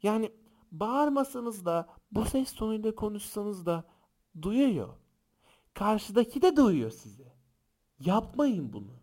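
A young man hosting a podcast, telling funny stories and acting out the shouting people in them. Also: high-pitched, unhurried. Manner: animated, acts out quoted shouts and voices. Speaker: podcast host. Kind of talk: casual podcast storytelling. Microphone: close podcast microphone.

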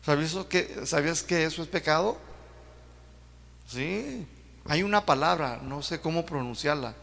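A gravelly, fairly high-voiced man with a Mexican accent preaches a sermon. He talks in a folksy, drawn-out way and keeps firing rhetorical questions at the congregation. His voice rings with the long reverb of a church hall. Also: animated, a bit bright. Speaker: pastor.

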